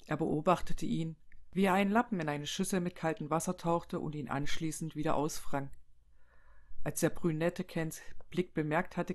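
Calm story reader, narrating steady, middle pitch. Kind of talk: reading a fan story aloud.

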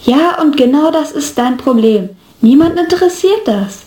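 A woman's voice: a little high, steady tone, moderate pace, mellow, close to an everyday voice. A woman voicing a grumpy, prickly young man who snaps and stammers, in an echoey room. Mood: snappish. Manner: snappish and flustered.

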